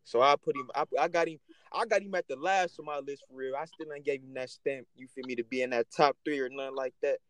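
A man's voice: medium pitch, steady tone, fast talker, fairly bright tone. A young man co-hosting a casual podcast over a phone call, laid-back and teasing the others. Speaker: podcast co-host. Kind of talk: casual chat.

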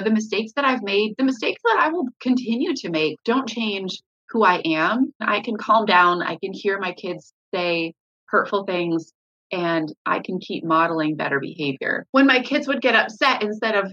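A woman's voice: mid-range voice, bright, forceful tone, breathy edge, dull audio. A woman, a mother, talking candidly in an interview about her parenting, with many fillers and restarts. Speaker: parent guest sharing her story.

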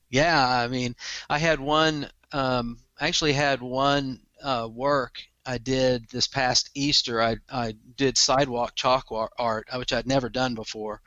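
A middle-aged Texan man guests on a podcast, chatting casually in an easygoing way, chuckling often and repeating words. His mid-range voice has a sharp tone, and the audio is dull with no echo.

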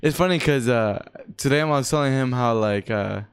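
A man's voice: mid-range voice, normal speed, smooth. A young man bantering casually with friends as a podcast co-host, using loose slang and plenty of swearing. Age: young adult. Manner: slangy, profane, joking.

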